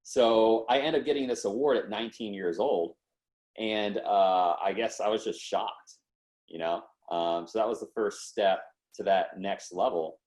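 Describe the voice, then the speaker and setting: This man in his twenties has a lowish voice and speaks a little slowly. As a podcast guest, he narrates his story in an energetic, slangy way and acts out the quotes.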